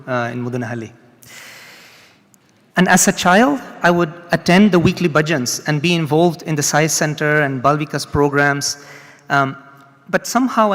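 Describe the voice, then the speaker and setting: A middle-aged man from Peru giving an earnest personal testimony, halting with frequent restarts. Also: a little high, a bit bright. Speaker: speaker at a festival. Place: large hall. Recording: long hall reverb.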